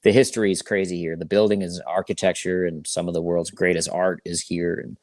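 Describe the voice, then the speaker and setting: Deep-voiced and a little mellow, this musician guest talks in a flat, brisk way during a relaxed interview, full of slang and frequent "you know"s. There is no echo on the recording.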